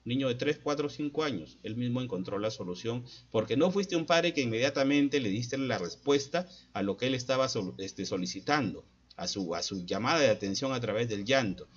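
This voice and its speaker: A man's voice: mid-range voice, expressive, normal speed, breathy edge, highs cut off. A man giving an instructional talk to parents, posing points as repeated rhetorical questions. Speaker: speaker advising parents.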